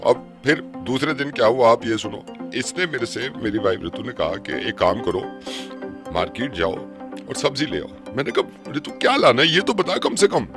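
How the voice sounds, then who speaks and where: A man making a prank phone call, complaining about his in-laws and then arguing loudly. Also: medium pitch, very animated, moderate pace, over music. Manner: complaining, then shouting argumentatively. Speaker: radio prank caller.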